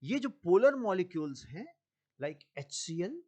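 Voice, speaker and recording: A man's voice: high voice, sing-song, a little slow, mellow, husky. A man with an Indian accent teaching a physics lesson, mixing Hindi and English and asking his students questions as he goes. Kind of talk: classroom physics lecture.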